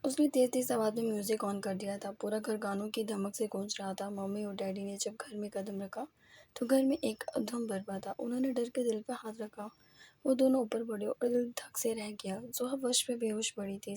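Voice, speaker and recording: A woman narrating a romance novel aloud in a steady storytelling manner. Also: medium pitch, slightly rough.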